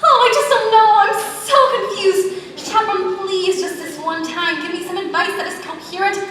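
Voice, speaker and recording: A vain, giddy showgirl bride gushes in a very high, bright voice, played by a young woman. Her lines come from far back in an echoing school auditorium. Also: normal speed. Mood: gushing. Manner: theatrical, breathless and gushing. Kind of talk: school stage musical performance. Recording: echoey hall taped from far off.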